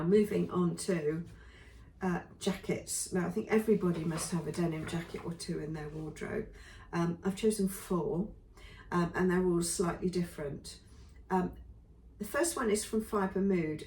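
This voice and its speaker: A woman reviewing sewing patterns in a chatty, casual way with lots of ums, her voice going hoarse. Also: lowish voice, warm tone, reverberant, recorded from a distance, a little hiss or hum. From England. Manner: chatty, many ums and trailing lists. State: losing her voice. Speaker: sewing vlogger.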